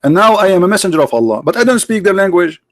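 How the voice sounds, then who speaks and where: A man's voice: high voice, very animated, very fast, no echo. Insistent man debating, English. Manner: insistent, argumentative, repeats points. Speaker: debate host. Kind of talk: call-in debate.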